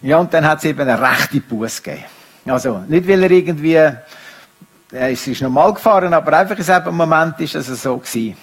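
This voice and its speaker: A middle-aged man preaching a sermon, moving between quiet, reflective passages and raised, emphatic speech. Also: on the high side, fairly quick.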